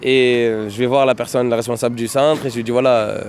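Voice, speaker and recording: A man's voice: medium pitch, flat delivery, fast talker, a little hiss or hum. A man telling his life story in an easygoing, rambling way, full of fillers and "et cetera", as an interviewee sitting outdoors in his neighbourhood. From Marseille, France. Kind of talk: casual storytelling.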